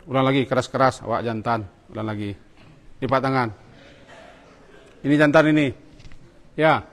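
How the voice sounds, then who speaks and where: A religious teacher speaks in a mid-range voice at a moderate pace, running a hands-on prayer lesson for students. Inside the mosque prayer hall, his short commands and coaxing echo with long reverb.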